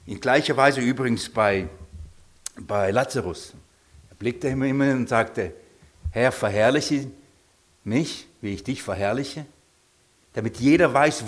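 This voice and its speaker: A man preaching a sermon, asking his listeners questions and often dropping into a soft, low voice.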